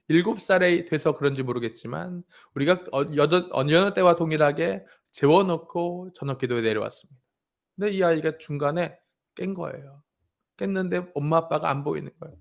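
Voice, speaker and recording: A man's voice: a little high, normal speed, creaky. A man in his thirties preaching a sermon as pastor, addressing the congregation directly and telling a family story. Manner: storytelling, acting out his crying daughter's voice.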